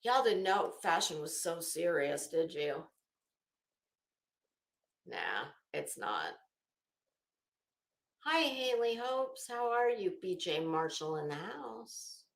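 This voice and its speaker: This American woman hosting a livestream has a low-side voice with lively intonation, yet she talks slowly and leaves long pauses. Her casual chat with viewers is blunt and emphatic, and the audio echoes around the room.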